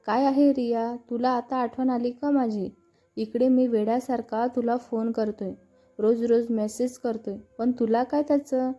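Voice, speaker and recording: A woman's voice: on the high side, steady tone, a little slow. A woman reading as an irritated young lover. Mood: angry. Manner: irritated, reproachful. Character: young man, lover, quick-tempered but tender. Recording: dull lo-fi narration with faint music.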